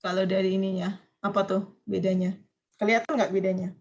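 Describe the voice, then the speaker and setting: A woman's voice: mid-range voice, flat delivery, a little fast, a little mellow, highs cut off. A woman teaching a university Japanese class online, prompting students to finish each phrase. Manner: coaxing students to complete phrases. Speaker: Japanese language lecturer.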